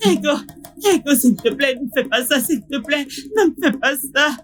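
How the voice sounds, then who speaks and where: An actress dubbing a hot-tempered, scheming village mother who scolds loudly and indignantly. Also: sits high, normal speed. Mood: panicked wailing. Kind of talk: dubbed film acting.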